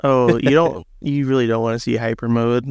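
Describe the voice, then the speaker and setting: Deadpan monotone man, dry close sound. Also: mid-range voice, brisk, clean tone, dry recording. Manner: flat, deadpan monotone delivery. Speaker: podcast cast member. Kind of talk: casual podcast chat.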